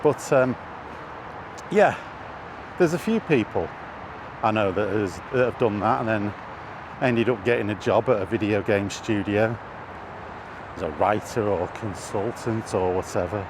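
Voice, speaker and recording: Walking through a city, this middle-aged British vlogger muses out loud, stumbling over words as he goes. He speaks a little slowly in a lowish voice. Traffic and street noise come through clearly on the noisy outdoor recording.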